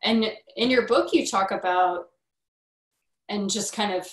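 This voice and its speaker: A woman's voice: medium pitch, measured pace. A young woman hosting an interview over a video call, her questions loose and conversational. Her voice sits in the middle of the female range, and the webcam audio carries a noticeable room echo. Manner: conversational, building up long questions. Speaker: museum host and interviewer. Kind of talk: livestream interview. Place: indoor room with a plain wall.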